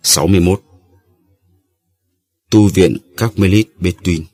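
A man narrating an audiobook novel in a steady storytelling manner. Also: deep voice, unhurried, faint music behind. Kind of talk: scripted narration.

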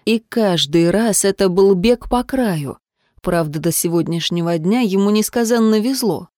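A woman's voice: medium pitch, animated, measured pace, a little mellow, dry recording, studio quality. Woman narrating a tense audiobook. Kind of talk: scripted narration.

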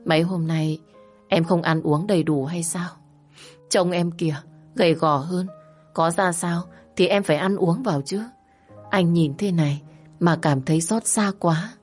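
Caring young man, as a woman storyteller plays him, slow and soothing, low voice. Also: darkish tone, faint music behind. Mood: tender.

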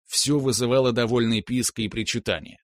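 Calm male audiobook narrator, dry sound. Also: medium pitch, moderate pace, no echo. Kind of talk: scripted narration.

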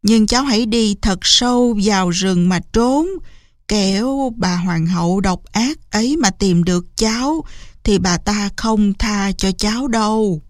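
A woman voicing a kindly huntsman who speaks gently and soothingly. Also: medium pitch, unhurried, no room sound, studio quality, close to an everyday voice. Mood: gentle.

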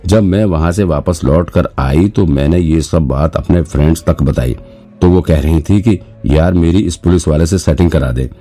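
A man's voice: a bass voice, normal speed, warm tone, faint music behind. A man reading the part of a cheerful young woman doctor who teases and stammers a little as she chats. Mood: laughing.

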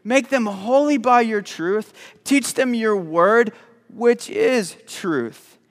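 Preaching slowly in a high voice, this pastor's words carry through a large hall in the church sanctuary. His sermon is conversational and joking, full of false starts and repeated words.

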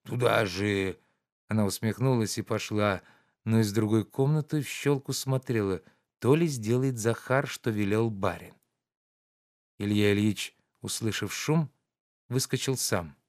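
Low-voiced male audiobook narrator. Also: unhurried, a little mellow. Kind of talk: classic novel reading.

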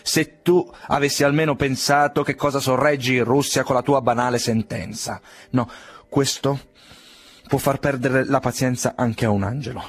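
A man reading an audiobook, playing an irritable older aristocratic gentleman who sneers coldly and then bursts into indignation. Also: medium pitch, steady tone, moderate pace, voice pushed up, natural voice. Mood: indignant. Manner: cold and ironic, flaring into indignant outbursts.

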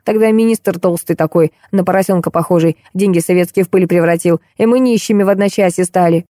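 A woman's voice: lowish voice, quick pace, dark tone, no room sound, clean studio sound, natural voice. A woman voicing a cantankerous elderly retired court clerk who scolds and accuses everyone in a grumpy, combative way. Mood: scolding. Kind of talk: audiobook character voice.

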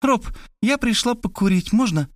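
A man's voice: sits high, lively intonation, moderate pace, no echo, clean studio sound, pitched above the performer's own voice. A male reader voicing a capricious, cheeky young woman who talks in a whiny, sulky drawl.

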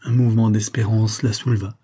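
A man narrating a classic novel in a steady, measured audiobook reading. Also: on the low side, breathy edge.

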